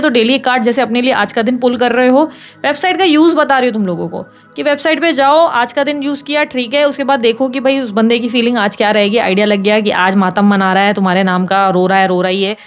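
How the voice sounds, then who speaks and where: A woman reading tarot in a casual chat to her viewers, talking fast, teasing and scolding them like a big sister. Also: on the high side, soft background music. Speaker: tarot reader.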